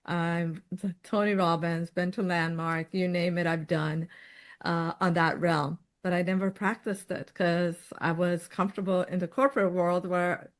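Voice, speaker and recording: A middle-aged woman from Iran, a guest in an interview, talking in a lively way and often laughing as she tells her story. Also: on the low side, measured pace. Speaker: podcast guest. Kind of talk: conversational interview.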